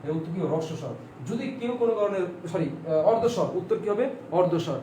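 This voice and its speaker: High-voiced man teaching from off-mic. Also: expressive, quick pace, mellow, distant mic. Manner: repetitive, quizzes listeners with questions and answers them himself; stretches out example words to model pronunciation. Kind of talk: online exam-prep lecture. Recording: echoey room, voice a bit off-mic, faint background noise.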